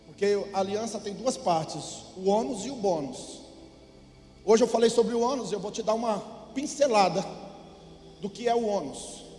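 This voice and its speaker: A man's voice: sits high, mellow. A middle-aged male pastor from Brazil preaching a sermon, leading the congregation in call-and-response. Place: church hall. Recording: long hall reverb.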